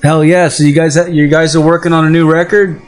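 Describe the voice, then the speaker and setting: A man's voice: a little high, level tone, fairly quick, clean tone. A man hosting a metal radio show, laid-back and swearing freely, with enthusiastic interjections. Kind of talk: casual chat, heavy swearing.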